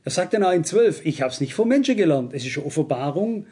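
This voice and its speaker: A high-pitched man preaching a sermon with strong emphasis. He is middle-aged and keeps pressing his listeners with rhetorical questions. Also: lively intonation, fast, darkish tone.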